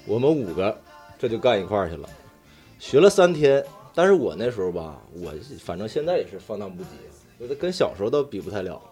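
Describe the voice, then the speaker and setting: Faint music sits behind this fairly low, sing-song male voice that moves briskly and sounds a little mellow. He's from Daqing, northeastern China, with a Northeastern accent, casually telling personal anecdotes to friends in a talk show storyteller style. His talk is slangy and earthy, with the odd swear word.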